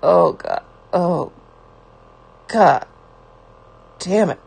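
Breathy, gasping woman, slow and husky. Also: lowish voice, expressive, a little mellow, rough recording. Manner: gasping, moaning short exclamations, often whispered.

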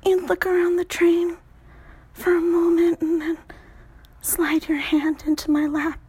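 A young adult woman telling an intimate story in a soft, breathy whisper, broken up by sighs. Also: very high voice, completely flat delivery, unhurried.

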